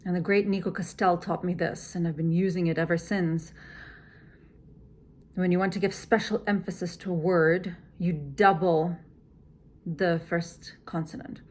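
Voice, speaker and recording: A woman who is an opera singer, explaining how she works through a scene in a measured, teacherly way, often dropping to a soft near-whisper. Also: fairly low pitch, steady tone. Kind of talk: teaching walkthrough.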